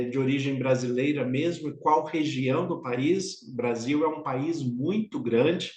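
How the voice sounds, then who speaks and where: A man with a São Paulo accent preaches a devotional sermon at a calm, reflective pace, addressing the listener directly. His voice sits at an ordinary middle pitch. The room around him is roomy and echoey. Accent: São Paulo Portuguese. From São Paulo, Brazil. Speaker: pastor. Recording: roomy echo.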